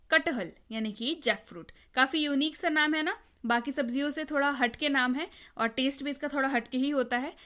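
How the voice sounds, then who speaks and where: A woman's voice: high-pitched, pushed and bright. A woman teaching vocabulary in a video lesson, explaining patiently, repeating words and quizzing the viewer. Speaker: English teacher.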